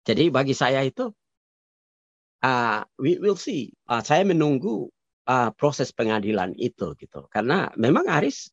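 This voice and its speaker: A man's voice: medium pitch, very animated, unhurried, no echo. A man giving conversational political commentary as an interview guest, hesitant with many fillers and restarts, dropping in English phrases. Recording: dull lo-fi recording.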